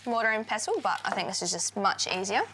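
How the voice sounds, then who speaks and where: A woman's voice: mid-range voice, quick pace, heavy background noise. A young woman, chatting casually as a guest cook while she explains a recipe step by step. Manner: upbeat, chatty, explains steps plainly. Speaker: guest cook, former cooking contestant. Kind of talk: casual cooking demonstration. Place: studio kitchen.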